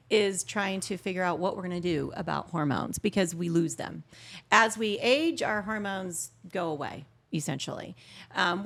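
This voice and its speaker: A woman's voice: medium pitch, a bit bright. A woman in her fifties, a naturopathic physician, chatting and explaining in a casual podcast interview, laughing easily. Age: 50s. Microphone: podcast studio mic.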